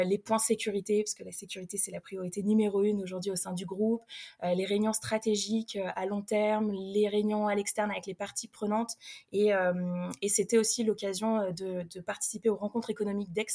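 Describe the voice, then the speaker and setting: A woman's voice: mid-range voice, mellow. A young adult woman, a recruitment specialist, answering interview questions in a casual, hesitant way with many filler sounds.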